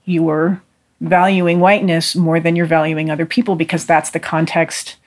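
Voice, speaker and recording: A podcast co-host in a casual discussion, talking fast with frequent restarts and offhand swearing. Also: mid-range voice, little pitch movement.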